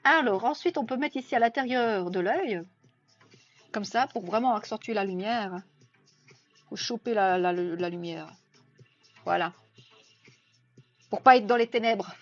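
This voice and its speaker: A woman from Belgium with a Belgian French accent chatting on a live stream, reading viewer comments aloud and answering them. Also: fairly high pitch. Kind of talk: casual live-stream chat. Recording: dull lo-fi sound with faint music.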